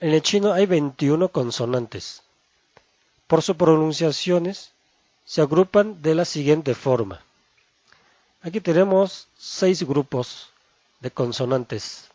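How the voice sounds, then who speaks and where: A man teaching Chinese pronunciation, saying each syllable slowly and twice over. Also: a little high, animated, darkish tone, no room sound, dull audio. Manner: slow, deliberate, repeats each syllable twice. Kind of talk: pronunciation lesson.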